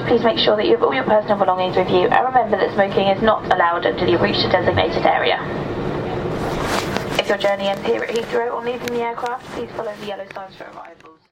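A woman reads a formal, scripted arrival announcement in airport announcement style over an aircraft PA system. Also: lo-fi sound. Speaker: flight cabin crew member. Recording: very noisy cabin PA recording, engine rumble. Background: aircraft engine and cabin noise.

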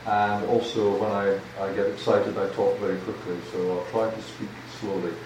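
In a big lecture hall, an older Scottish guest lecturer delivers an academic talk that's chatty and self-deprecating, full of repeated words. His fairly low voice is a little mellow, flat in delivery, at a moderate pace. The handheld mic sits at a distance, giving an echoey sound with faint noise.

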